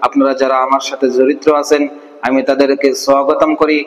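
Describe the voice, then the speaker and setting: A man's voice: mid-range voice, flat delivery, echoey room, in a large hall, low-quality recording. A man teaching a Quran reading class, asking and answering his own questions and drawing out verses syllable by syllable. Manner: question-and-answer drilling, slow syllable-by-syllable recitation. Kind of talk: online Quran recitation class.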